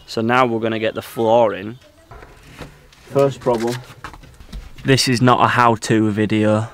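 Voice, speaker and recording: A man's voice: mid-range voice, little pitch movement, unhurried, a little hiss or hum. A man from England building out his van, chatting and joking at his own expense. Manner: joking, self-mocking. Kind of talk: casual banter while building.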